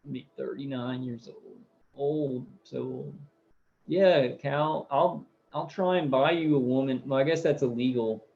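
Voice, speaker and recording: A man's voice: medium pitch, steady tone, a little slow, creaky, slight background noise. A man in his thirties hosting a casual live stream, rambling through viewer comments with lots of fillers and repeated words. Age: 30s. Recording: dull lo-fi audio.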